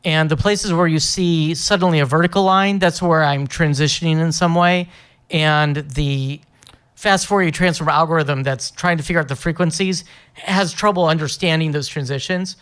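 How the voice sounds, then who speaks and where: A man's voice: a little high, normal speed, fairly bright tone. A man, a guest professor, explaining technical points in a patient, teacherly way.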